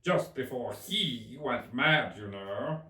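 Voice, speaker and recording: A man's voice: mid-range voice, animated, slow pace, pushed and bright, pitched above the performer's own voice. A man voicing an eccentric, huffy and mournful male storybook Hatter, with an emphatic, theatrical and contemptuous manner. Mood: dramatic. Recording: roomy, distant microphone.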